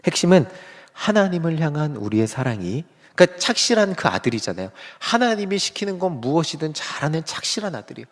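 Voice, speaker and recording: A man's voice: a little high, sing-song, fast talker, big-room sound. A man preaching a sermon as pastor, who asks his congregation questions as he goes. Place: church sanctuary.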